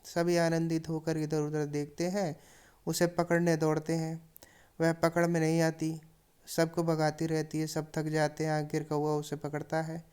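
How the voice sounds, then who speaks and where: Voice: mid-range voice, completely flat delivery, a little slow, a little mellow, smooth. A teacher retelling a story chapter for students, with plain narration and casual asides to the class. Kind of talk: explaining a story lesson.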